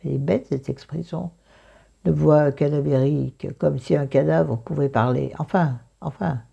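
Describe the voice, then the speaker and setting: A woman with a croaky morning voice and vocal fry, chatting casually through a book review in a self-mocking, digressive way, thinking aloud. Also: sits low, normal speed, dark tone, muffled recording.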